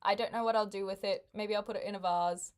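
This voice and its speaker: A woman's voice: mid-range voice, fairly even intonation, fast. A woman, chatting casually with viewers on a livestream, laughing often and making wry asides. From New Zealand. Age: 20s.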